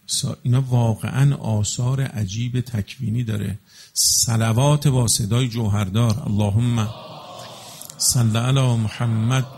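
A man preaching in a casual spoken style, explaining with everyday examples and checking in with listeners, slowing into chanted Arabic blessings. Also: medium pitch, vocal fry, darkish tone, husky. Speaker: religious preacher. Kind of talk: colloquial religious talk to an audience.

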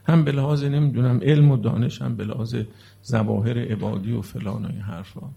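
A man's voice: mid-range voice, fairly even intonation, gravelly, mellow, husky. A middle-aged man preaching a religious sermon to a seated congregation, moving from earnest explanation into mournful lament.

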